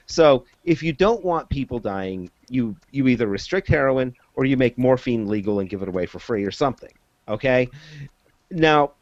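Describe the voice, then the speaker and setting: A man's voice: mid-range voice, no room sound. Rambling man on a lo-fi line. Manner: rambling, many fillers, lays out arguments step by step. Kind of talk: casual chat.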